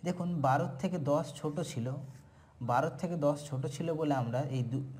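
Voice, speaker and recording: A man teaching a maths shortcut, counting through sums aloud in steady lists and answering his own questions. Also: fairly high pitch, brisk. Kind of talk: step-by-step maths lesson.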